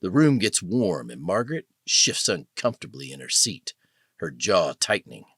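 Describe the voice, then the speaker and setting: A man narrates a gritty street story with a low voice that swoops through a wide, animated range. His storytelling is dramatic and expressive. The recording is dry and close. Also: normal speed, gravelly, breathy edge, no room sound. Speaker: audiobook narrator. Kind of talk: scripted narration.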